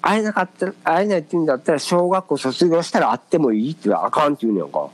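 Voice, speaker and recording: A man's voice: fairly high pitch, very fast, poor audio. A man with a Kansai accent, telling a personal story in casual chat, hesitant with many fillers. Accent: Kansai Japanese. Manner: animated storytelling. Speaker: podcast co-host.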